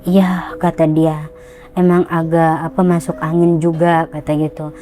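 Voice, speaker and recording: A young woman excitedly telling a ghost story, acting out the voices of the people in it. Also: low-pitched, a little slow, soft background music. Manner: excited, animated, acts out quotes. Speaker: guest storyteller.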